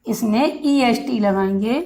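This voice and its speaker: A woman with a Hindi accent leads a grammar lesson at an unhurried pace. Her voice sits fairly high, and she repeats each example word and stretches it out for her students. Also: mellow, low-quality recording. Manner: slow, repetitive, stretches out example words. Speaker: grammar teacher.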